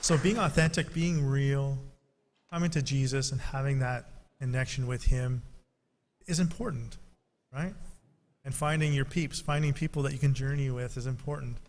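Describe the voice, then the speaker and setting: A man's voice: medium pitch, steady tone, moderate pace. Encouraging male church host, echoey. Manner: encouraging, repeats words, fills with "right?". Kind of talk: church interview. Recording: long echoey reverb.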